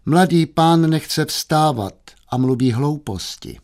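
A man's voice: on the high side, expressive, a little mellow, voice pushed up. A man doing a cheeky young housemaid. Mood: mocking. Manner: mocking, familiar.

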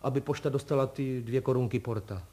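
A man's voice: medium pitch, steady tone, close to an everyday voice. Brief: folksy kindly postman, voiced by a male narrator, chatty, full of exclamations. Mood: cheerful. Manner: fussy folksy exclamations, warm-hearted.

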